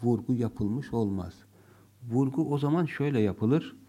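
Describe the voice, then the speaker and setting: Male teacher, slow deliberate delivery, mellow dark tone, acts out examples. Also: medium pitch, expressive. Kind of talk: classroom lesson.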